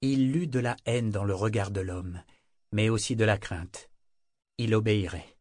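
A man's voice: lowish voice, fairly even intonation, measured pace, darkish tone, no room sound, clean studio sound. Man narrating a fantasy audiobook. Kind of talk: scripted narration.

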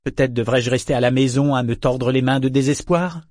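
A man voicing a strong-willed, quick-tempered young woman in an audiobook, speaking in a sharp, indignant way. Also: a little high, dry recording, clean studio sound, voice pushed up, close to an everyday voice. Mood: irritated. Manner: sharp, raised, indignant delivery. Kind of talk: audiobook character voice.

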